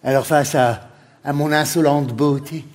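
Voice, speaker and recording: A flamboyant, mocking male flight attendant with a northern French accent, played by a man in a comic monologue. His voice sits high for a man and keeps laughing at the passengers. It sounds like it is echoing through a long reverb with faint room ambience behind it. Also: steady tone, unhurried, a little hiss or hum, lightly acted.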